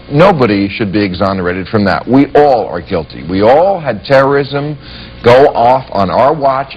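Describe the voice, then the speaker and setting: A man hosting a comic talk show, making wry jokes and quick asides to his panel. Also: lowish voice, husky. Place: TV studio with live audience. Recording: dull lo-fi broadcast with faint audience and hiss.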